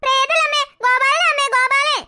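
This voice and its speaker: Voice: very high-pitched, fairly even intonation, a little fast, loud music behind the voice. A voice actor playing a sleepy, grumpy grown man who grumbles and talks with sarcasm. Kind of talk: cartoon voice acting.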